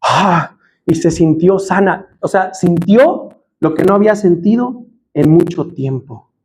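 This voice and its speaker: A man with a Mexican Spanish accent preaches a sermon with a strikingly high voice. His delivery is emphatic, and he keeps turning to the congregation and calling them brother. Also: expressive, unhurried, warm tone, a little hiss or hum, poor audio. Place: church.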